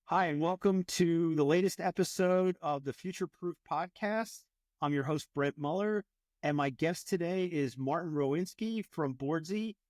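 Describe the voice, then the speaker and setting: A male podcast host with a slightly high voice keeps the chat friendly and upbeat. He laughs easily as he talks. The recording is dry with no room sound. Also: moderate pace, a little mellow, no room sound. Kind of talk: casual interview chat.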